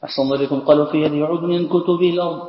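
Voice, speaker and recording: A man reading classical hadith text aloud in a hurried, flat recitation for a lesson, heard from a distance in an echoey hall. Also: on the high side, muffled recording.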